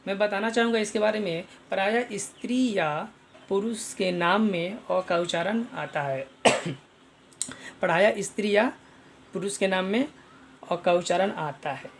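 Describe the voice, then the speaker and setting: Slow, repetitive male pronunciation teacher. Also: sits high, creaky, a little hiss or hum. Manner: repetitive, spells out letters, addresses viewers as friends. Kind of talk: online pronunciation lesson.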